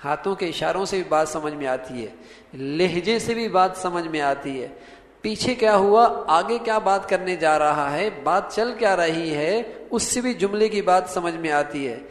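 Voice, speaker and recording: Male religious lecturer, slightly high voice, demonstrative delivery, roomy reverberant recording. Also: animated. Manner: acts out tones of voice to illustrate meaning. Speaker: religious scholar. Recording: echoey hall with long reverb.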